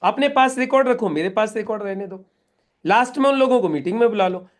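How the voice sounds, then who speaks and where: A man's voice: high-pitched, quick pace. A middle-aged man leading a live training session in a meeting room, instructing the group and quizzing them with questions.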